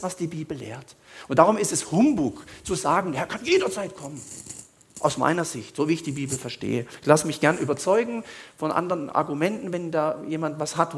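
A man's voice: on the high side, a bit bright. A male pastor, preaching a sermon in a conversational style with emphatic asides.

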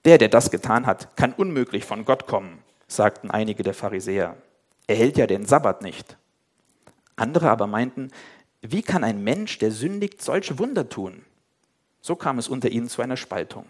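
A man leading a Bible study in a mid-pitched voice, speaking informally and casually turning to his listeners. He then reads scripture aloud, giving the quoted speakers a light lift in his voice. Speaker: Bible teacher.

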